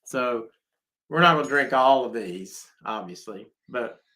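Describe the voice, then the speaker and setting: A man's voice: mid-range voice, expressive, unhurried, sharp tone. A man hosting a casual livestream, reading viewer comments aloud and laughing often. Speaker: livestream host.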